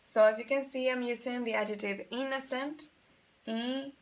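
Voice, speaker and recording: Gravelly-voiced woman teaching grammar. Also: a little high, steady tone, fast talker. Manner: patient, explains step by step, repeats examples; switches between Spanish and English. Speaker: English teacher. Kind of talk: bilingual grammar lesson.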